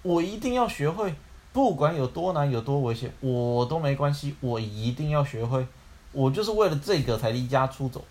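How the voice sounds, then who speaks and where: A stubborn, naive young fellow from a fairy tale, as a male storyteller puts him on, blunt and a little crude with a lilt. His voice sits at a middling pitch. He speaks plainly and without fuss. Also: animated, moderate pace, a little mellow, natural voice. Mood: insistent. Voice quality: blunt, slangy, mildly crude.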